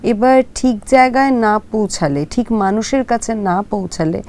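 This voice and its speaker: A woman's voice: medium pitch, darkish tone. Kolkata-accented young woman, hesitant interview answers. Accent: Kolkata Bengali. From Kolkata, India. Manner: hesitant, with frequent drawn-out fillers and English words mixed in. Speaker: actress guest.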